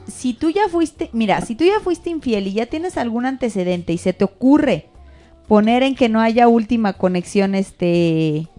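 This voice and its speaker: A woman chats on a casual talk show in a slightly high voice, teasing and drawing out her questions. Faint music plays behind her. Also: expressive, a little slow, dark tone. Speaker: co-host. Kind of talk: casual chat.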